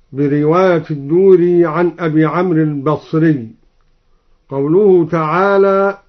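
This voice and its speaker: A man presenting Quran recitation readings, explaining each variant and then chanting it in a slow melodic style, on an old radio recording. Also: fairly high pitch, highs cut off. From Egypt.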